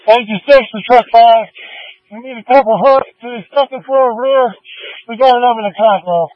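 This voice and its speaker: A man's voice: extremely high pitch, moderate pace, no echo. A male firefighter giving a terse radio update in clipped, direct calls over a two-way radio. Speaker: firefighter on scene. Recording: muffled band-limited fireground radio.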